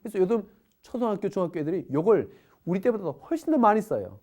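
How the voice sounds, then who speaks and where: A woman's voice: medium pitch, big pitch swings, quick pace, dark tone. A middle-aged woman giving a parenting lecture, asking the audience rhetorical questions. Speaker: parenting educator.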